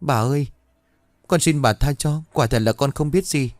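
A man's voice: medium pitch, moderate pace, dry recording, pitched above the performer's own voice, lightly acted. A man voicing a timid young servant girl who begs tearfully for mercy. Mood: pleading. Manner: pleading, tearful.

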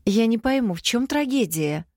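A woman's voice: mid-range voice, animated, slow, a little mellow, no echo, studio quality, voice pushed up. A woman doing a spoiled petulant young daughter. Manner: whiny drawling.

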